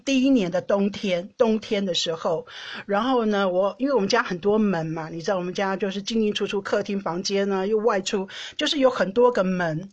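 A Taiwanese woman with a Taiwanese Mandarin accent, hosting a podcast and telling a personal story in an animated, chatty way, often laughing and tagging phrases with a soft "ha". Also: medium pitch, dull audio. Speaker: podcast host. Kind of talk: casual storytelling monologue.

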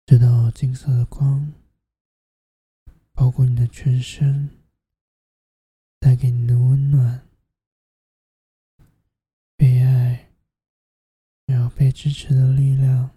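A host narrating a guided sleep meditation like a sleep story narrator, in a soft, soothing, half-whispered delivery. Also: mid-range voice, flat delivery, slow pace, pauses often, slightly rough, dry recording.

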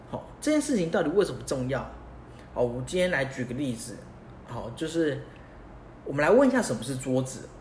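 A young man hosting a podcast. He talks casually and animatedly, firing off rhetorical questions. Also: mid-range voice. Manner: animated, asks many rhetorical questions, chuckles at himself. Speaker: podcast host. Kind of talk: casual explanatory podcast monologue. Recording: roomy echo, faint background hiss.

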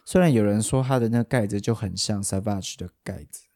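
A man's voice: on the low side, fairly quick, warm tone. A man with a Taiwanese Mandarin accent, a podcast host in casual chat who explains at length and often restarts his sentences.

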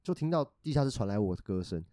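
台湾腔男人，语速飞快，起伏很大. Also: male voice, medium pitch, fast, no echo, studio quality. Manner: animated, acts out quoted voices. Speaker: podcast co-host. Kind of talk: casual chat, storytelling.

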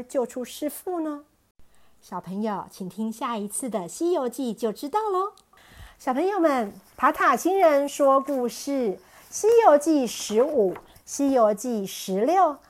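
A woman reading a storybook aloud to children in an animated, expressive way. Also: fairly high pitch.

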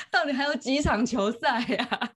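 A woman's voice: sits high, husky. A woman, a mother telling a story in casual chat, laughing often.

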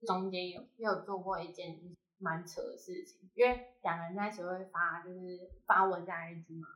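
A woman from Taiwan tells her story in relaxed podcast chat, acting out the other people's lines. Her voice is bright and clear. The recording has a roomy echo. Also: on the low side, moderate pace. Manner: animated storytelling, quoting others in lively voices. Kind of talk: casual chat.

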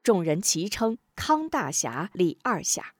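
A woman narrating a martial-arts story as an audiobook host, with an expressive storytelling cadence. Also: lowish voice, slow pace, no echo, clean studio sound.

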